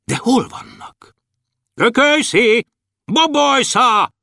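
A man's voice: fairly high pitch, sing-song, no room sound, studio quality, voice pushed up. A man voicing an anxious male dwarf guard calling out in a storybook reading. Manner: shouting, calling out.

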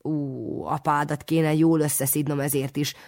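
A reader voicing a fussy, doting elderly village aunt who calls out and scolds in a high, shrill voice. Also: little pitch movement, darkish tone, lightly acted. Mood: chiding.

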